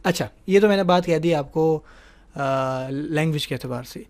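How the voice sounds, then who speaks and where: Man teaching grammar with a higher voice. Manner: explanatory, asks "ٹھیک ہے نا" often; mixes English words into the talk. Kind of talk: online grammar lesson.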